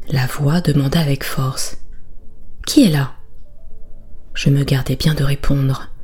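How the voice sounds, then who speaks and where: Breathy whispering woman telling a bedtime story. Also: low-pitched. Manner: soft, hushed.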